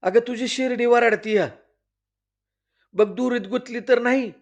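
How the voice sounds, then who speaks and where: A man voicing an older village aunt who calls out urgently in a shrill voice. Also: fairly even intonation, unhurried. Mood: urgent calling. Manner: calling out urgently. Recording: dull lo-fi recording.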